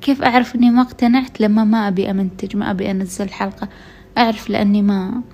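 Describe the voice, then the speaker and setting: A podcast host with a Gulf Arabic accent speaks straight to her listeners, casually recounting a true story. Her mid-range voice is warm and steady, very fast, and tired after a week of illness, with slight background noise.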